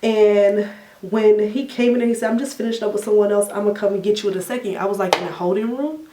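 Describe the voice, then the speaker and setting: A young woman vlogger telling a story in a casual question-and-answer chat, animated and laughing often, acting out her own reactions in a higher voice. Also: quick pace, recorded from a distance. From United States. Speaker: beauty vlogger. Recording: echoey room, a bit off mic.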